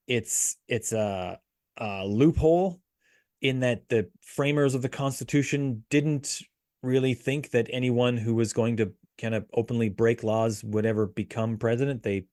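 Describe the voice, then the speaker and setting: A man's voice: medium pitch, a little mellow, no room sound, studio quality. A man co-hosting a political podcast, explaining things patiently with frequent fillers and restarts. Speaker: podcast co-host. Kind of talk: casual political chat.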